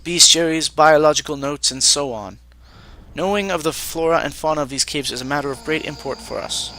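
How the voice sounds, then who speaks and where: A man's voice: fairly high pitch, brisk, pushed and bright, slight background noise, rough recording. A man voicing a young male Vahnatai apprentice mage who speaks stiffly and formally.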